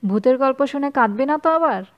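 A woman voicing a quiet, tired young university man who answers softly and teases a little. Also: high-pitched, expressive, fairly quick, dull audio.

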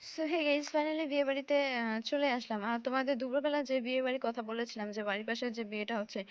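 A woman's voice: high-pitched, fast, clean tone, dry recording. Chatty young woman vlogging on a phone. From West Bengal, India. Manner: chatty, many fillers, addresses viewers as guys; speaking softly in a hushed voice. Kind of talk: casual vlog chat to camera. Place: village home, indoors and outdoors. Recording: dull lo-fi phone audio with faint noise.

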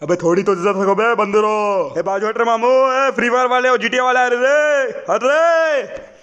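A man's voice: very high voice, moderate pace, a bit bright, clear, resonant tone, dull audio. A man voicing a cocky, chatty male monkey henchman in a fan machinima drama, with Mumbai street slang. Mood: bossy. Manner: swaggering street-tough banter.

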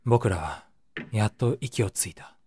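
A man's voice: on the low side, measured pace, warm tone, husky, dry recording, studio quality. A man streaming, narrating a horror game dramatically and breaking off for joking asides.

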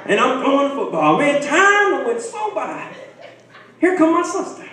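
High-voiced, animated folksy preacher. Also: male voice, measured pace. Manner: lively, folksy, laughing through stories. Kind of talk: storytelling sermon. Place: church. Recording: echoey hall from far, crowd.

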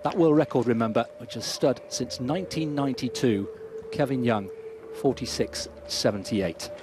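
A man giving live play-by-play commentary on an athletics race, introducing the runners, then rising to excited shouts during the race. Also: medium pitch, moderate pace, background noise.

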